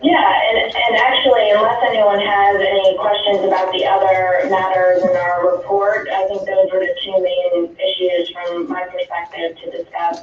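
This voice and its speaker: A man's voice: high voice, slight background noise. A man on a speakerphone giving a businesslike legal report to a board meeting. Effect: heard over a speakerphone. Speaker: legal counsel. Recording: distant, muffled, very echoey speakerphone.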